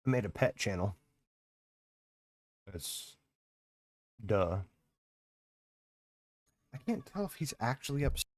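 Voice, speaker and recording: A man's voice: mid-range voice, sing-song, takes it slowly, long pauses, no echo, studio quality. A man chatting casually on a live stream, rambling and exclaiming to his viewers.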